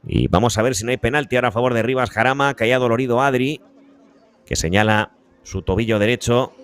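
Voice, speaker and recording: Man doing excited breakneck goal commentary. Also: medium pitch, clear, resonant tone. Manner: breakneck goal commentary, shouting drawn-out repeated goal calls. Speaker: sports commentator. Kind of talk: live beach soccer play-by-play commentary.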